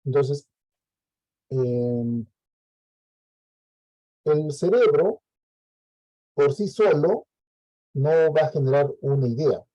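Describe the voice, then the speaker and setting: A man's voice: fairly high pitch, animated, extremely slow, long pauses, mellow, dry recording, highs cut off. A Peruvian man lecturing a class, explaining step by step and checking in with frequent "¿no?" tags. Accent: Peruvian Spanish. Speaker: teacher.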